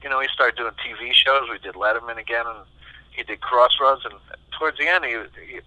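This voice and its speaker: Man with a sharp, forceful voice. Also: mid-range voice, brisk, no room sound, poor audio. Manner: animated, acts out quoted voices, many restarts. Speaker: session guitarist, interview guest. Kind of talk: storytelling interview answers.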